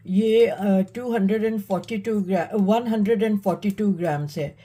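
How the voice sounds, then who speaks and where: A woman hosting a cooking demonstration, talking unhurriedly while she cooks, with many pauses and fillers. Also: medium pitch, mellow, rough recording. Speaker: cooking channel host.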